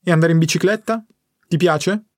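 A quiet elderly grandfather, voiced by a male audiobook reader, speaks in a low, controlled, nearly monotone way. The voice sits a little high for a man. It is recorded close and dry, with no room sound. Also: normal speed, dry recording, lightly acted. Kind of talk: audiobook narration.

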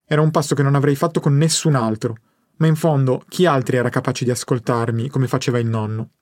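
A man calmly narrating a first-person story as an audiobook, in a measured reading voice. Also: mid-range voice, no echo, clean studio sound.

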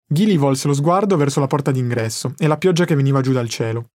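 A man narrating a novel in a calm, measured way. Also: mid-range voice, dry recording, clean studio sound. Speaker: audiobook narrator. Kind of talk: scripted narration.

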